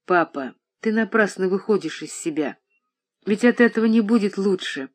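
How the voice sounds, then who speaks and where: A reader voicing a young daughter in an audiobook, speaking quietly, tenderly and firmly. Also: medium pitch, lively intonation, moderate pace, natural voice. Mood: pleading. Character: young daughter, calm, gentle and resolute. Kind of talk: audiobook reading.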